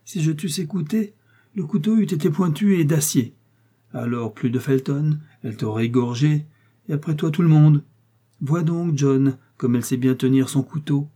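A man's voice: fairly high pitch, normal speed, dark tone, breathy edge, voice pushed up. A man voicing a scornful nobleman who taunts his prisoner with laughing sarcasm, in an audiobook reading. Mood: gloating. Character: mocking English nobleman, scornful jailer.

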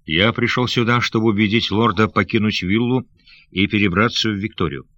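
A gallant male adventurer from an audiobook tale, voiced by a man in a lowish register, courteous and steady as he reassures. The recording sounds muffled and lo-fi, with dry, close audio. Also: a little fast, no room sound. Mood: reassuring.

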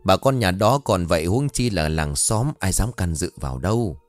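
A man voicing an older village man telling a sad tale slowly and somberly. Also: sits low, expressive, dry recording, faint music behind, voice pushed down.

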